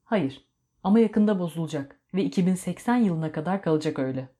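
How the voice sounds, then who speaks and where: A woman voicing an older man who is a hurried, bossy time traveler, barking urgent orders. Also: lowish voice, expressive, warm tone, natural voice. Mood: lecturing.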